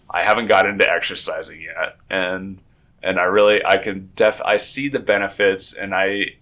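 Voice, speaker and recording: Low-voiced man with a groggy morning voice. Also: bright, forceful tone. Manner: rambling, with frequent restarts and self-corrections. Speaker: podcast host. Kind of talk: casual podcast chat.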